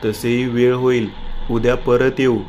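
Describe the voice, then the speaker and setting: Give me a man voicing a dismissive skeptic in a haunted house story, monotone. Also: mid-range voice, a little slow, slight background noise, natural voice.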